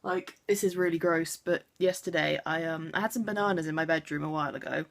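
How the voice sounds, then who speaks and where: A woman's voice: deep voice, steady tone, fairly quick, creaky. A young woman from Wiltshire, chatting to camera from her bedroom in a rambling, self-deprecating way. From Wiltshire, England. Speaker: vlogger. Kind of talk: casual chat to camera.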